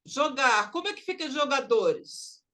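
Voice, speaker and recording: A woman teaching English in an online class, explaining slowly and mixing English phrases into her talk over a video call. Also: high-pitched, lively intonation, a bit bright.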